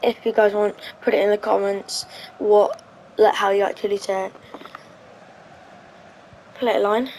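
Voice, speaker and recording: A woman's voice: medium pitch, steady tone, unhurried, pauses often, a little mellow, a little hiss or hum, poor audio. Chatty woman thinking aloud over a game. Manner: chatty, hesitant, thinking aloud with frequent ums. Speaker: gaming channel host. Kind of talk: casual gameplay commentary.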